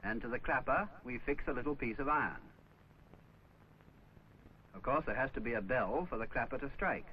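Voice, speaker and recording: This 1950s instructional film has a male narrator explaining each step didactically from a script. He speaks at medium pitch and a moderate pace, pausing often, and the old soundtrack sounds dull and noisy.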